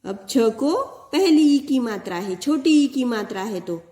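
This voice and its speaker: A woman teaching Hindi to primary school children in a recorded lesson, reading words out slowly and carefully, sounding out syllables one by one. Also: fairly high pitch, animated, dark tone. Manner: slow, careful word-by-word reading, stretching out syllables. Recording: echoey room.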